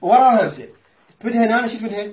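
A man teaches the rules of Quran recitation in a patient tajweed lesson. He keeps asking his students questions and slowly chants the verses he explains. The recording is dull and lo-fi, with a roomy echo. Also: high voice, expressive. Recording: echoey room, dull lo-fi sound.

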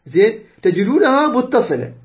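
A man's voice: very high voice, big pitch swings, normal speed, dull audio. A man with an Iraqi Arabic accent teaching a classroom lesson on Quranic spelling and recitation, explaining step by step and often checking that his students understand. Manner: patient explaining, checks understanding with "clear?" and "good".

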